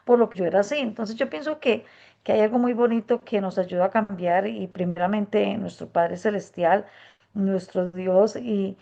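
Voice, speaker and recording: A woman, a workshop participant giving an earnest, reflective testimony, speaking softly and gently with many hesitant fillers. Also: medium pitch, steady tone, moderate pace, gravelly. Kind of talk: spontaneous testimony. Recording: muffled dull recording.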